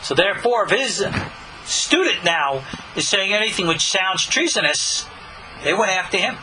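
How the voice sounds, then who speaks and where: In this recorded Bible study lesson, a male rabbi explains scripture earnestly, his voice rising to emphasize key points. He speaks at a moderate pace in a high-pitched, pushed and bright voice with lively intonation, over slight background noise on poor audio.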